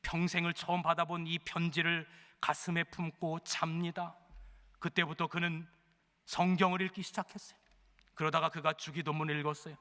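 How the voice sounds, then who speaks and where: A man's voice: fairly high pitch, level tone, moderate pace, bright, forceful tone. A male pastor telling a story in a sermon, acting out the dialogue dramatically. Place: church sanctuary. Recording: long hall reverb.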